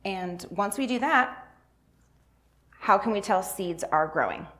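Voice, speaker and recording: A woman with a medium-pitched, slightly bright voice speaks slowly with lively intonation. She is a church faith and justice coordinator giving an informal, encouraging interactive talk for all ages, prompting listeners with questions.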